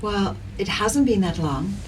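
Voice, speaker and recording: Here a padel league founder, a middle-aged South African woman, talks at a measured pace in a mid-range voice, repeating herself while she thinks. Her manner is earnest and energetic in this conversational interview, picked up by a distant mic with noticeable background noise.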